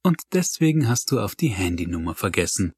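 A man voicing a brisk, businesslike female doctor giving orders over the phone in an audiobook. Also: low-pitched, sing-song, a little mellow, slightly rough, no room sound, clean studio sound, exaggerated voice.

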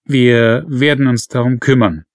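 A hesitant village policeman who tries to calm people down with a level, placating voice, as the narrator plays him. The sound is close and dry, and the pitch stays in the middle. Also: measured pace, no room sound, natural voice. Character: hesitant rural male police officer, placating.

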